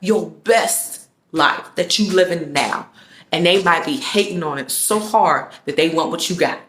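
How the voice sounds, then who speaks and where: A woman's voice: lowish voice, a little slow, a bit bright, roomy sound, slight background noise. A woman vlogger delivering a casual motivational rant, emphatic and slangy, repeating her phrases for effect.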